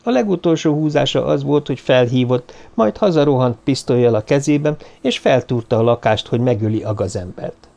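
A man voicing a weary woman who speaks with cool, measured bitterness in an audiobook. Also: medium pitch, animated, creaky, dark tone. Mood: coldly bitter.

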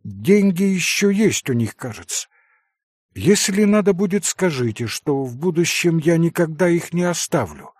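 A man's voice: fairly high pitch, expressive, moderate pace, darkish tone, husky, dry recording, clean studio sound, voice pushed up. A man voicing an anguished proud young woman. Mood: weary. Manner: intense, breaking into sudden outbursts. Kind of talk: audiobook character reading.

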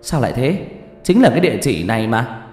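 A man's voice: medium pitch, big pitch swings, brisk, darkish tone, close to an everyday voice. A man voicing a polite young village man, earnest and stammering with fright. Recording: echoey hall with faint music.

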